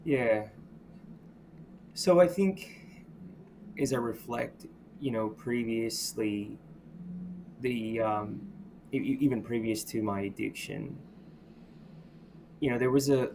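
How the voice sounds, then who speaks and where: A middle-aged American man, a podcast guest, speaks candidly about his past in personal storytelling. He's reflective and halting, often restarting and saying "you know." His voice is mid-range, against a noisy background.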